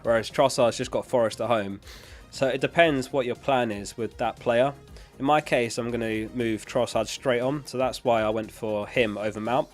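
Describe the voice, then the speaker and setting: Over soft background music, a man with a mid-range voice speaks at a moderate pace with few pauses and fairly even intonation. He's a casual livestream host reading and answering viewer questions plainly, his voice starting to go as he's unwell. The sound comes from a close dynamic studio microphone.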